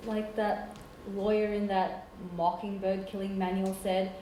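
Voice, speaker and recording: A woman's voice: mid-range voice, level tone, measured pace, mellow, close to an everyday voice. A young woman playing a mean-girl medical student who confesses awkwardly, with a hesitant, melodramatic delivery in a stage comedy. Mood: awkward, confessional. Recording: echoey stage, faint noise.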